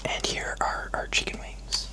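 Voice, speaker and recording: A food vlogger speaking in an unhurried, casual, chatty whisper close to the microphone for an ASMR mukbang video.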